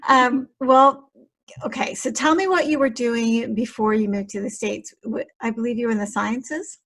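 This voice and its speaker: A woman's voice: fairly high pitch, normal speed, fairly bright tone. A woman hosting an interview podcast, enthusiastic and gushing as she talks with her guest. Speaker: podcast host. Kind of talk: casual interview.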